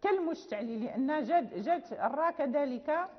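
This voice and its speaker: A woman's voice: high-pitched, lively intonation, normal speed. Woman teacher lecturing a class, keeps checking they follow, lots of fillers, long reverb in the room. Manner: patient explaining, often checks understanding; many fillers and restarts. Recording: dull lo-fi audio with long reverb.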